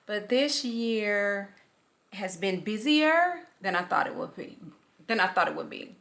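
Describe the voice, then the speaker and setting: Casting: middle-aged woman, casual beauty vlogger, forceful bright voice, talks around a swollen lip, rambling and chatty. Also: medium pitch, animated, a little slow. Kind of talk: casual chatty get-ready-with-me vlog.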